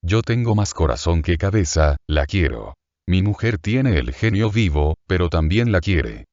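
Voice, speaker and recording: A man voicing a calculating middle-aged male innkeeper who feigns warm affection, in an audiobook reading. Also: low-pitched, very animated, measured pace, dry recording, dull audio. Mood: falsely tender. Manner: falsely kind, sentimental, calculating.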